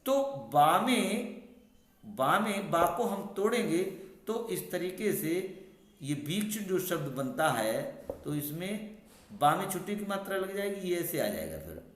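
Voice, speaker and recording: Guy teaching a grammar class, slow and deliberate, lots of up and down in his voice, keeps checking in with quick questions, echoey room. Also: high-pitched, very animated. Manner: repeats points with questioning "hain?" checks.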